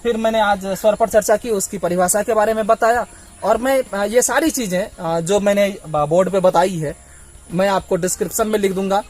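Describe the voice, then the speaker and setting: A man's voice: sits high, moderate pace, a little mellow. A man from Bihar teaching a blackboard lesson, patiently sounding out vowels and explaining them step by step. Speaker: Hindi teacher.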